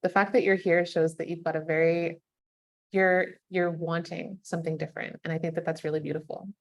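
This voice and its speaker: Encouraging woman coach, low dry voice. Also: little pitch movement, a little fast, no echo. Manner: warm, encouraging, affirming, casual filler words. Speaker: nutrition coach teaching an online master class. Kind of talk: live webinar teaching, reading chat comments.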